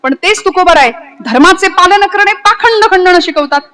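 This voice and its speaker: A woman from Maharashtra gives a devotional kirtan sermon in a high, ringing voice. She moves from story to quoted verse and throws rhetorical questions at her listeners. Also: animated, normal speed, sharp tone. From Maharashtra, India. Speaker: kirtan preacher.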